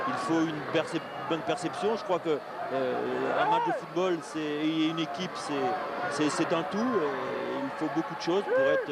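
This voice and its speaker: A man giving live football analysis as co-commentator, explaining haltingly and repeating words. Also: on the high side. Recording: loud stadium crowd and noise.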